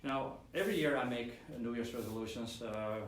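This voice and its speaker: Speaking briskly in a mid-range voice, a man runs his casual weekly model-kit stream, rambling along with many fillers and false starts. The sound is roomy and echoey, with him distant from the microphone and a faint hum in the background.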